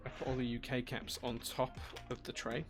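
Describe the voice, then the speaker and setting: A man's voice: mid-range voice, level tone, normal speed, over music. A man hosting a live stream, chatting casually, reading out viewer chat and thanking people as he works. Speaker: livestream host building keyboards.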